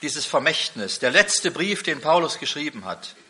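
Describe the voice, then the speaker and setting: A man's voice: fairly high pitch, big pitch swings, moderate pace, bright, forceful tone. A middle-aged man preaching a sermon, emphatic, with repeated rhetorical questions.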